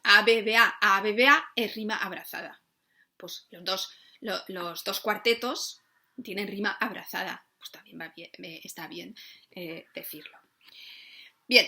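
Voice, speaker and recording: A woman's voice: medium pitch, sharp tone. A woman, a literature teacher giving an exam review lesson and checking in with "¿eh?" and "¿no?" often. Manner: explanatory, frequent tag questions and fillers.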